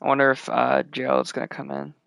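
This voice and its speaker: A man's voice: medium pitch, sing-song, fast, gravelly, a bit bright, no echo, studio quality. A man chatting casually while playing a building game, rambling and mumbling counts under his breath. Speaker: gamer. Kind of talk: casual let's play commentary.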